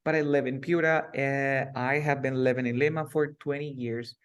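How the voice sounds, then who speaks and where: A man's voice: medium pitch, steady tone, clear, resonant tone. Male English teacher, patient and repetitive, on a video call. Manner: explains slowly, repeats words, switches to Spanish. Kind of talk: online English class.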